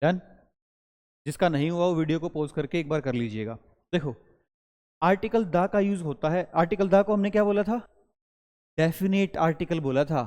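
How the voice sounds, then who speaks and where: A man with a fairly high voice teaches a grammar lesson in Hindi and English. He explains each point step by step and keeps quizzing his students with questions. His voice carries a long reverb from the room. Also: moderate pace, pauses often, darkish tone.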